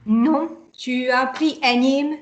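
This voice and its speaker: A woman's voice: high voice, fairly even intonation, slow, muffled recording, a little hiss or hum. A woman teaching Hungarian over a video call, patiently spelling words out letter by letter and correcting her student.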